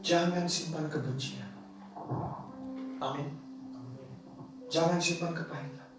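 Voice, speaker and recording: A man's voice: on the high side, takes it slowly, music in the background. A male pastor telling a story in a sermon, emphatic and repetitive, with his voice carried across a church hall. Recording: echoey church hall, distant mic.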